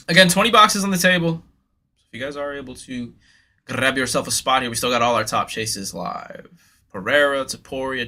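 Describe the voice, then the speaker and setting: A young man with a medium-pitched, gravelly, sharp and slightly nasal voice hosts a live sports card break. He talks straight to viewers, casual and hyped, full of slang.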